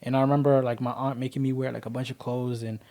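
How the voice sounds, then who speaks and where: A man's voice: mid-range voice, flat delivery, fast talker, warm tone. A man in his twenties, from Kenya, telling his personal story as a podcast guest in an earnest, rambling way with lots of fillers.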